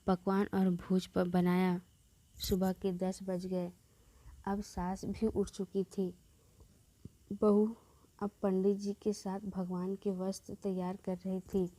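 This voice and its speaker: A woman narrating a family story in a calm, unhurried storytelling manner, reading out the dialogue too. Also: medium pitch, dry recording.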